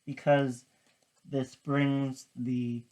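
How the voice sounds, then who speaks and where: A tutorial presenter with a mid-pitched voice delivers casual card magician patter. The pace is slow, and the explanation comes step by step in halting little pieces. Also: level tone, a little mellow.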